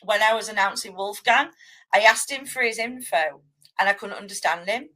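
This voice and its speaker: A woman's voice: mid-range voice, normal speed, sharp tone, poor audio. A woman hosting an informal interview as a casual chat, with a giggly, informal manner. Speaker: interviewer, show host.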